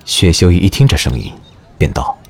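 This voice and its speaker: Deep husky guy narrating an audio drama, lively tone. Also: brisk, slight background noise. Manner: expressive storytelling.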